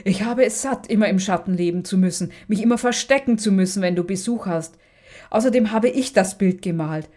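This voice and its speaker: A woman reading the part of a furious, unhinged artist who shouts and shrieks in bitter rage. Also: mid-range voice, fairly quick, close to an everyday voice.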